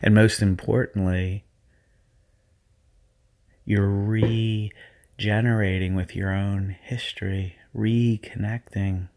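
Slow, gravelly-voiced man guiding a trance. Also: fairly low pitch, level tone. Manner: slow, hushed, soothing repetitive phrasing. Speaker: guide leading a sports visualization. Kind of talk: guided hypnotic visualization.

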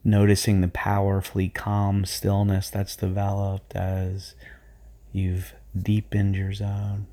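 A male sports performance coach leads athletes through a guided visualization, speaking slowly, soothingly and hypnotically. His voice sits low, monotone and mellow.

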